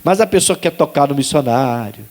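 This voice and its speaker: A male pastor preaching a sermon, animated, rising to sharp high exclaims and acting out dialogue. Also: a little fast. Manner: acts out quoted dialogue.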